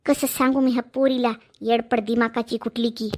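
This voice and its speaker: A woman playing a harsh, scheming middle-aged mother-in-law in a family drama, scolding and sharp-tongued. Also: on the high side, little pitch movement, a little fast, slight background noise, lightly acted. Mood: scornful. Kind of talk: Marathi village family drama acting.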